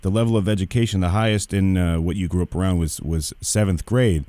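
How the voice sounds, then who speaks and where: A man interviewing a guest on the radio, halting as he asks questions, often restarting and repeating words. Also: deep voice, steady tone, warm tone, no echo.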